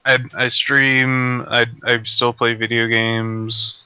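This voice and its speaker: A man in casual podcast chat, rambling with halting restarts. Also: medium pitch, level tone, sharp tone, clear, resonant tone, no echo, rough recording.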